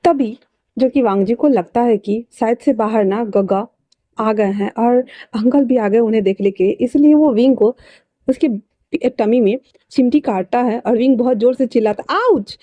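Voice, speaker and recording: A woman's voice: a little high, moderate pace, dark tone, no room sound. A woman reading fan fiction aloud in a casual, conversational way. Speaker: storyteller.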